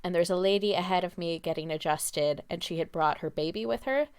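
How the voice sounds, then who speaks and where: Woman podcast cohost, lowish voice, chatty storyteller who laughs a lot. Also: fairly quick, darkish tone, clean tone. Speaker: podcast co-host. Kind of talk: casual chat. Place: home.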